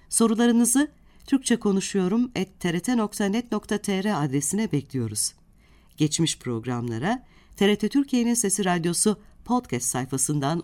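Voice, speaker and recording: A woman presenting a scripted radio language lesson, reading out example words one at a time and slowly spelling out syllables. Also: low-pitched, a little mellow. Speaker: radio host and Turkish language teacher.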